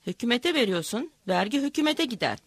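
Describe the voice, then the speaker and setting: A woman voicing a calm, patient male tax collector in a storybook reading. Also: a little high, brisk, breathy edge, no echo.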